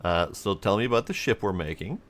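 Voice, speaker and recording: Very low-voiced, sarcastic game streamer. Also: animated, fairly quick, slight background noise. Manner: sarcastic, irreverent. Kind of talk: casual gameplay commentary.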